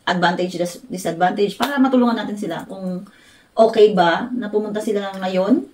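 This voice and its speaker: A Filipino woman hosting a casual interview, supportive with quick agreements. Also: mid-range voice, darkish tone, recorded from a distance. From Philippines. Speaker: interviewer host.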